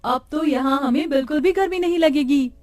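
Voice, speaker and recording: A woman plays a young village wife in a cartoon, pleased with her cool new home. Her voice is clearly high and light. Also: a little fast, darkish tone, far from the mic, lightly acted.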